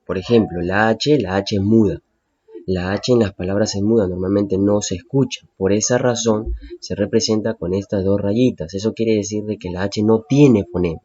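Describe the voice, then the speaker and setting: Husky guy teaching a phonetics class, patient, keeps repeating stuff, kinda dull lo-fi sound. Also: lowish voice. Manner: patient, repeats and checks with "¿bien?". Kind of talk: phonetics lesson for students.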